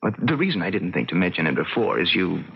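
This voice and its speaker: An actor in an old radio drama playing a flustered, earnest employment agency manager, stammering and hesitant. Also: male voice, deep voice, big pitch swings, fast, gravelly, slightly rough, muffled recording, full character voice. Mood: flustered, tentative.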